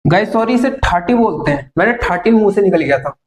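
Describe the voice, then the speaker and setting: A woman's voice: medium pitch, lively intonation, darkish tone, reverberant, slight background noise, rough recording. Hindi-speaking woman teaching numbers. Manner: slow, drawn-out counting of numbers; explaining patiently to her viewers. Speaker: spoken English teacher. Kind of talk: classroom lesson.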